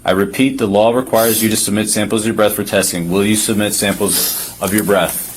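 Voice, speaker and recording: A man with a fairly low voice speaks as a police officer. He reads formal legal wording in an insistent, procedural way, with faint noise on the body camera recording. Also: steady tone, a little fast, rough recording. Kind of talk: formal reading of a legal form, firm instructions.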